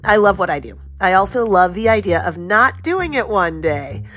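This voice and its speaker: A woman reading scripted ads for a podcast in a smooth, upbeat promotional delivery. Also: mid-range voice, very animated, moderate pace, fairly bright tone, soft background music. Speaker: ad reader for a podcast. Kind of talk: scripted ad read.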